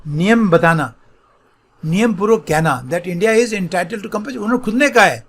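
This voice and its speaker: A middle-aged man runs an online vocabulary lesson for exam prep, explaining things patiently in Hindi sprinkled with English terms. He checks in with his students often, and his voice sits high.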